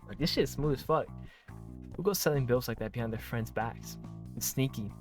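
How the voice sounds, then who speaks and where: A game streamer does a let's play of a visual novel, reading aloud over music in a medium-pitched voice at a slightly fast pace. He reacts casually with slangy, gushing comments and swearing.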